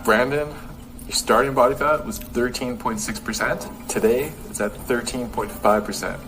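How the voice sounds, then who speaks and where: A man's voice: medium pitch, normal speed, a bit bright. A man presenting fitness experiment results and narrating, announcing the figures plainly. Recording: video played with music underneath.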